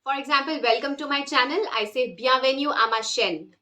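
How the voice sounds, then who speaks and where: A French teacher with a high, brisk, pushed and bright voice leads a beginner language lesson. She explains patiently and drills words for the listener to repeat.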